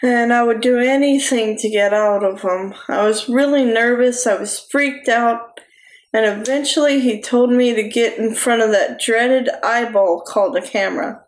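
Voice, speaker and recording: A young woman giving a personal testimony sermon straight to camera, talking slowly and haltingly with restarts. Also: fairly high pitch. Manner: slow, halting delivery with restarts. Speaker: preacher. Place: small room indoors. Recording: echoey room.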